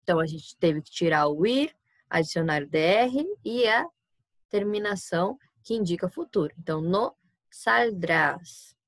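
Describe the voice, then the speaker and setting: A woman's voice: on the low side, expressive, normal speed, no room sound. A woman with a Brazilian Portuguese accent, a Spanish teacher giving a recorded online class, patiently explaining step by step and often checking in with her students.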